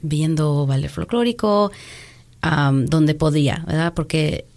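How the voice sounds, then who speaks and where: Woman, group leader and teacher; low, gravelly, unhurried, hesitant delivery, mixes in English. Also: a little mellow. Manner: hesitant, many fillers, slips into English words. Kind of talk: casual interview talk. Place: Chicago.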